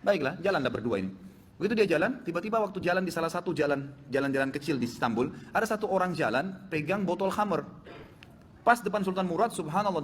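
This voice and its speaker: A male preacher tells a sermon story at a quick clip, his voice sitting a little high. The sound rings with a long reverb, and faint ambience sits underneath. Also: a little hiss or hum. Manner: animated storytelling, acting out dialogue with rising pitch.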